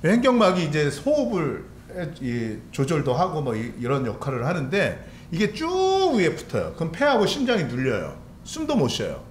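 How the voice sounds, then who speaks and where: A man's voice: fairly high pitch, huge pitch swings, moderate pace, hardly any pauses. A man pastor giving a sermon in a church, talking conversationally and putting questions to the congregation. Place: church sanctuary. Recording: echoey church with faint room noise.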